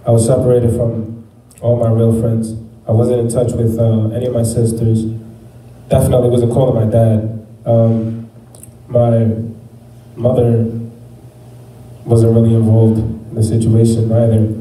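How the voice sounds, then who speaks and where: A young man sharing a personal faith testimony, talking in a halting, reflective way with many fillers. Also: medium pitch, monotone, warm tone. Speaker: testimony speaker. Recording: echoey room, mic at a distance, faint background noise.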